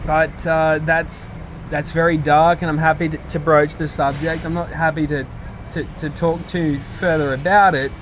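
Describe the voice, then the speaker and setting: A man's voice: a little high, little pitch movement, normal speed. An Australian man giving a casual, blunt and sweary monologue as a vlogger, rambling as if drunk. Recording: noisy outdoor recording with traffic.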